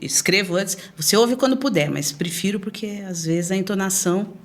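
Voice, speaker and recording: Woman, middle-aged, Brazilian São Paulo accent, interview guest, animated storyteller, laughs often. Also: medium pitch, moderate pace. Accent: Brazilian Portuguese, São Paulo area. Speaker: guest, bar association president. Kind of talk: casual interview chat.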